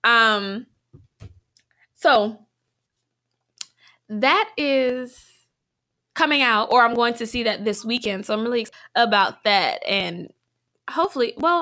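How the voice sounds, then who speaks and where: Bright animated young woman co-host. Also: fairly high pitch, normal speed, long pauses. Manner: animated, laughing, slangy. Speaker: podcast co-host. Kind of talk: casual chat. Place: home, Minneapolis.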